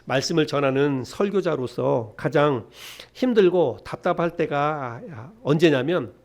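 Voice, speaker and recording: High-pitched guy preaching in church, earnest, keeps calling out to the congregation. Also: a little slow, darkish tone. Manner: earnest, exhorting, often turns to the congregation. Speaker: pastor. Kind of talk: Sunday morning sermon. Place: church sanctuary.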